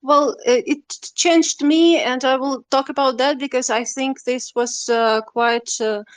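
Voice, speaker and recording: A woman's voice: high voice, steady tone, a little slow, clean tone, dry recording. A woman from western Ukraine, a Russian speaker, answering interview questions as a novelist with many hesitant fillers. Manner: hesitant, heavy use of "uh" fillers. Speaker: novelist guest.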